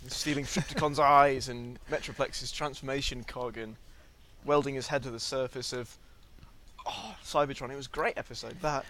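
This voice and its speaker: A man's voice: mid-range voice, normal speed, bright, forceful tone. A man co-hosting a podcast, chatting casually as an enthusiast. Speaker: podcast co-host.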